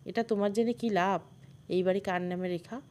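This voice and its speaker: A woman reads a proud aging mother-in-law in a storybook, her voice rising high and loud as she scolds and then pleads through tears. The pitch is ordinary for a woman. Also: fairly even intonation, fairly quick, lightly acted. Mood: scolding.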